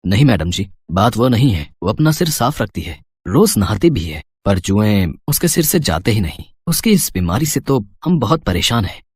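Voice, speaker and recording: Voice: mid-range voice, sing-song, moderate pace, few pauses, no room sound, clean studio sound. An actor voicing a humble, worried poor farmer father in a cartoon, speaking earnestly and pleading. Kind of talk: cartoon voice acting.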